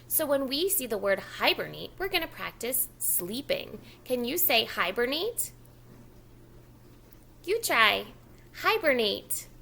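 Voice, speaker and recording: A woman preschool educator reads a picture book to young children, speaking instructively and repeating key words. Her fairly high voice is very animated, slow, gravelly, and sharp.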